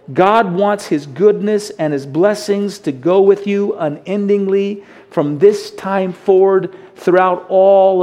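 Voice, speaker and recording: A middle-aged man gives a radio Bible teaching in an earnest, unhurried way. His voice sits a little high for a man. He drives points home through repetition, sinking quiet, then rising again. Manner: earnest, repetitive emphasis, varies volume for stress.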